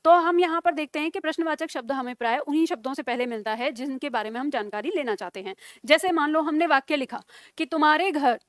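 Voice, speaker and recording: A woman teacher giving a grammar lesson, dictating example sentences slowly word by word and often checking whether her class has understood. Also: sits high, dry recording, studio quality. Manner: slow dictation with repeated words, checking questions.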